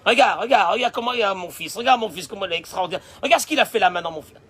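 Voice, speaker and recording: A man voicing an elderly mother who proudly and excitedly praises her son, repeating herself. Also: high voice, racing, breathy edge, voice pushed up, full character voice.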